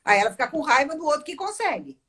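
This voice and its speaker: A woman's voice: sits high, very animated, quick pace, a bit bright. A Brazilian woman, a psychologist, explaining at length on a video call and acting out quoted remarks. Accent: Brazilian Portuguese. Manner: explanatory, acts out quoted lines. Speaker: psychologist guest expert. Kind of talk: conversational interview.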